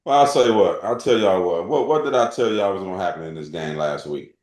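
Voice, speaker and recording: A man's voice: deep voice, lively intonation, quick pace, a little mellow, roomy sound. A man talking as a panelist in a casual sports debate, making his points emphatically and repeating them.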